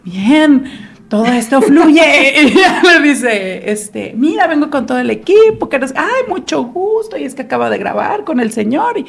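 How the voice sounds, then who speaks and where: A Mexican woman in her forties with a high, bright voice tells a story in a relaxed conversation. She talks with animation, laughs often and acts out the other people's voices. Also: normal speed, creaky, hardly any pauses. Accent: Mexican Spanish. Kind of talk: casual storytelling chat.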